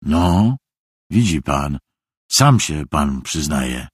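A man voicing a cruel, pompous middle-aged police official who talks in a gruff, domineering way. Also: very deep voice, big pitch swings, very slow, no room sound, studio quality, voice pushed down, exaggerated voice. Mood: stern.

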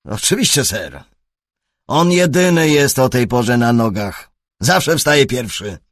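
A man voicing an eager, deferential young stable groom who talks in a hurried way. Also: medium pitch, expressive, no echo, clean studio sound, voice pushed up.

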